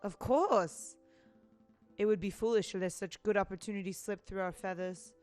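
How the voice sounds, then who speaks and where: A woman voicing a dignified falcon gentleman lawyer in a put-on French accent, reading formally and theatrically for a game. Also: mid-range voice, normal speed, faint music behind, natural voice. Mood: pompous, eager. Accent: mock French, put on.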